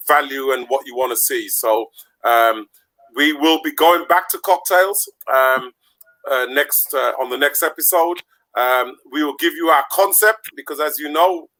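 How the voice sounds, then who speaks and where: Caribbean-born male host, higher voice, bright tone, chatty and rambling, video call audio. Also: low-quality recording. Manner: chatty, rambling, quick to laugh. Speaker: podcast host. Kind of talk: casual online show chat.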